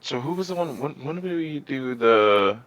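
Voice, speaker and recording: A man co-hosting a casual podcast, telling stories in an animated, excitable way. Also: mid-range voice, normal speed, no room sound. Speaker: podcast co-host. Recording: dull, dry, lo-fi sound.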